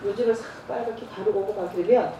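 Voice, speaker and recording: A middle-aged woman evangelist tells stories during a church training talk, acting out the dialogue with lively voices. Her mid-range voice is fast, and the recording comes from far off in a roomy church hall, with faint noise and highs cut off.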